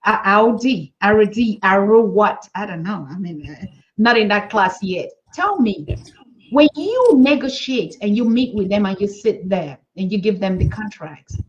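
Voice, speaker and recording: A woman's voice: medium pitch, lively intonation, unhurried, lo-fi sound. A woman hosting a live online interview, asking questions in an effusive, supportive way. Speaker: host.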